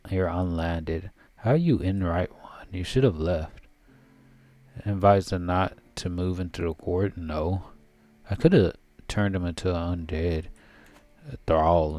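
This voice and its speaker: A man's voice: sits low, dark tone, no room sound. A man giving casual let's-play commentary, thinking aloud and reading game text as he plays. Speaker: gameplay commentator.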